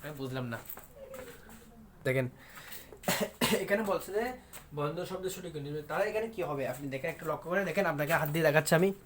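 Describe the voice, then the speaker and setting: A man with a somewhat high voice teaches an exam-prep lesson online. He talks emphatically, repeats his points and keeps asking viewers if they understand. Faint noise sits under the recording. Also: fairly quick, pauses often. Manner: emphatic, repetitive, coaxing questions to viewers.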